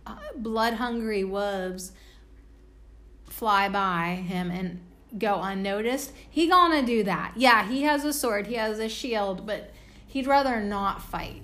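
Young woman card reader, unhurried, meandering chat full of fillers. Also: medium pitch. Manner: rambling, loose, full of "like" fillers. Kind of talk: casual spiritual card-reading vlog.

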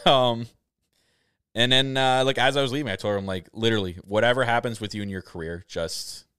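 A young man co-hosting a podcast, telling a story in casual chat, excitable, laughing often, with many restarts. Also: medium pitch, brisk, clear, resonant tone, dry recording, clean studio sound. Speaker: podcast co-host.

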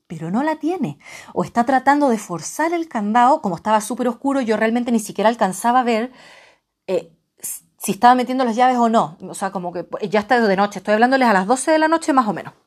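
Animated Chilean woman telling a story. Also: on the high side. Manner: animated, swinging between loud exclamations and hushed asides. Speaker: travel vlogger. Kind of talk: dramatic personal storytelling.

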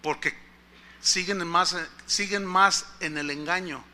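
A man's voice: high-pitched, slow, bright, forceful tone. A male pastor with a Mexican accent preaching a live sermon in church, telling stories with animation and putting rhetorical questions to the congregation.

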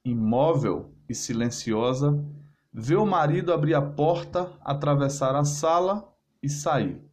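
A man narrating a short story aloud with expressive, varied delivery. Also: on the high side, measured pace. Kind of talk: dramatic reading of a short story.

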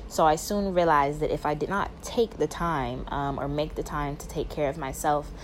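A young woman from Atlanta sends in a composed, thoughtful voice note. Her voice is notably low for her age, with a faint ambient hum behind her, and she speaks with steady sincerity. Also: normal speed. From Atlanta, Georgia, United States. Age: young adult. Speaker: podcast listener. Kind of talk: voice note message.

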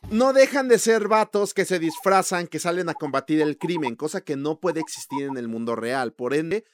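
A young man with a Mexican Spanish accent co-hosting a casual movie chat, slangy and animated, acting out quoted reactions. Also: on the high side, normal speed, no echo, clean studio sound. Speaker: podcast co-host.

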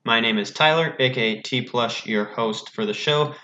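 A man's voice: mid-range voice, normal speed, sharp tone, echoey room, lo-fi sound, a little hiss or hum. An American man hosting a sports podcast in a chatty recap style, speaking through a damaged, distorted microphone. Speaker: podcast host.

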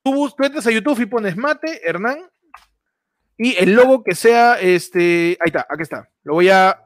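A man hosting a podcast, joking excitedly and laughing as he plugs a friend's channel. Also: sits high, normal speed, dry recording. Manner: excitable, laughing, playfully mock-amazed. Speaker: podcast host. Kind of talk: joking podcast banter with live promotion.

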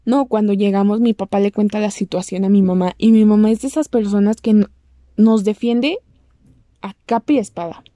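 A woman's voice: steady tone, moderate pace, dark tone, no echo, studio quality. A young woman with a Mexican accent telling a personal story to the camera, chatty and acting out what people said. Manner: chatty, acts out quoted lines in a squeaky voice. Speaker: vlogger.

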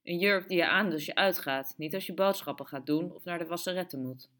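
Woman, audiobook narration, low pitch, steady measured reading. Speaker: audiobook reader. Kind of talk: scripted narration.

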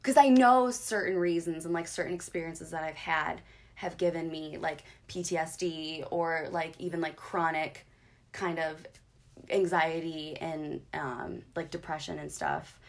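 A woman's voice: sits low, fairly even intonation, a little slow. A woman chatting casually, rambling and self-deprecating, voicing her own thoughts as quotes. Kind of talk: casual chat.

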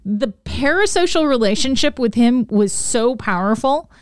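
An American woman in her fifties telling a personal story in casual podcast chat, animated and laughing often. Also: on the high side, normal speed, clear, resonant tone, no echo, studio quality.

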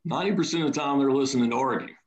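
A man, a high school baseball coach telling stories in a casual podcast chat. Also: racing, low-quality recording. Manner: storytelling, animated when quoting kids.

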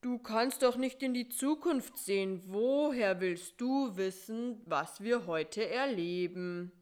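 A woman voicing a sleepy, timid male spider who answers in a slow, know-it-all way. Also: a little high, lively intonation, darkish tone.

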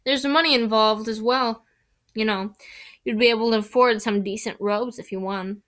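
A spoiled teenage bully with a mocking, taunting edge, as a woman reading a storybook puts him on. He sneers through every line, pitched up and pushed louder than plain reading. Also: fairly even intonation, normal speed, natural voice.

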